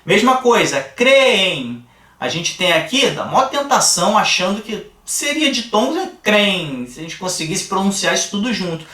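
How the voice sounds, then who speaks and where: A man with a Brazilian Portuguese accent teaching a grammar lesson, explaining slowly and asking the class rhetorical questions. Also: high-pitched, sing-song, pushed and bright, far from the mic. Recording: echoey room, voice a bit off-mic.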